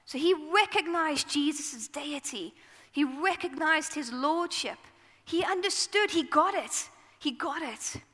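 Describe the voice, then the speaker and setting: A South African woman with a high-pitched voice preaches a sermon into a microphone in a large hall. She tells the story in an unhurried, relaxed, conversational way.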